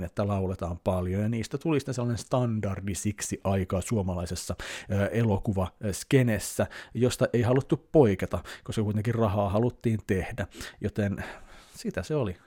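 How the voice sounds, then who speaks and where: A man's voice: on the low side, warm tone, no echo, studio quality. A man in his thirties, a podcast host answering listener questions in casual chat, rambling and hesitant with many fillers.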